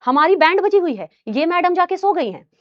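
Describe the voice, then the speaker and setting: A young woman teacher telling a personal story in a casual, animated way, addressing listeners like her students. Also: extremely high pitch, a little fast, no echo, dull audio.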